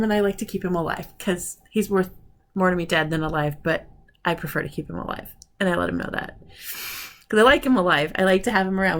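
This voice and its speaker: A woman chatting casually on her vlog, her mid-pitched voice carrying a steady gravelly fry. She rambles from point to point and speaks frankly, in a loose and chatty way. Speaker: vlogger.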